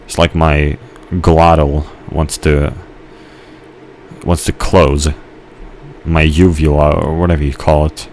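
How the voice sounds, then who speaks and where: A man's voice: a bass voice, flat delivery, takes it slowly, darkish tone, slight background noise. A man casually rambling while playing a game, hesitant, with many fillers and restarts. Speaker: gamer narrating his gameplay.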